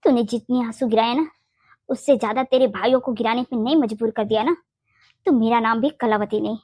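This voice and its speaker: A woman voicing a fiercely protective, sharp-tongued older mother-in-law in a Hindi cartoon, blunt and bossy. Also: a little high, brisk, breathy edge, dry recording, studio quality. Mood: consoling. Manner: blunt, scolding, makes boastful vows.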